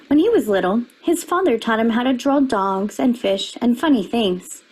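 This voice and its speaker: A woman reading a children's picture book aloud, with expressive storybook delivery that rises for quoted lines. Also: a little high, normal speed, slightly rough, low-quality recording.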